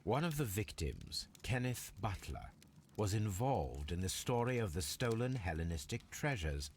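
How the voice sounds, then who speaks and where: Low-pitched game detective, measured inner monologue, lively pitch, faint hiss behind. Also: male voice. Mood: thoughtful. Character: calm male detective narrating his case.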